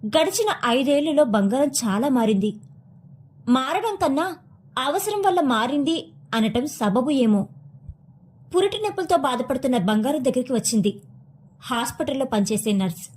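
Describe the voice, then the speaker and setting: A woman narrating a written story in a measured, expressive reading. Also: high-pitched, slight background noise.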